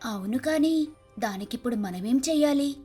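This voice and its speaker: A woman's voice: on the high side, lively intonation, moderate pace, warm tone, breathy edge, soft background music. Sara, a woman voicing a worried bird friend.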